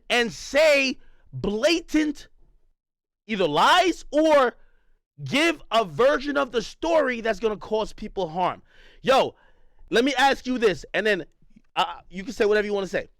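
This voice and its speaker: A young man arguing heatedly in a podcast confrontation, animated and interrupting, repeating himself. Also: very high-pitched, no room sound. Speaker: streamer confronting a podcast host. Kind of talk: heated argument.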